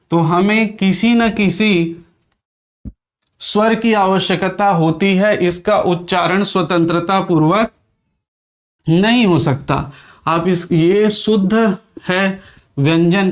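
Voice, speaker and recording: Male grammar teacher, fairly high voice, slow measured delivery, dictating and repeating for students. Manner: asks the class questions and answers them. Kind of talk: Hindi grammar lesson.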